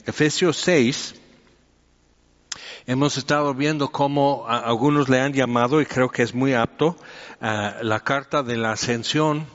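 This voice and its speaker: A man giving a conversational sermon. He explains with everyday examples and fills his pauses with "este". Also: medium pitch, a bit bright. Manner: explanatory, uses homely examples and many fillers. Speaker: preacher. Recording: dull echoey hall recording.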